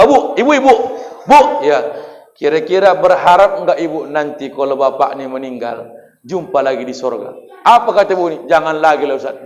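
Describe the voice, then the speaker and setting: A man's voice: high voice, long reverb tail. A man with a Medan accent giving a joking sermon in a mosque, acting out little dialogues and quizzing the audience. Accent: Medan Indonesian. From Indonesia. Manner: joking, acts out dialogues, asks the audience directly. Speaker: preacher. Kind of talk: humorous sermon.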